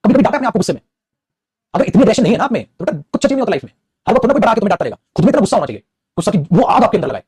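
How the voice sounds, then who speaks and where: A male teacher rattles through a live online grammar class at great speed, his pitch leaping around as he scolds and motivates. His voice is husky and mellow. It sits close and dry on the mic. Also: sing-song, rapid-fire, no room sound. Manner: scolding, motivational, calls students beta.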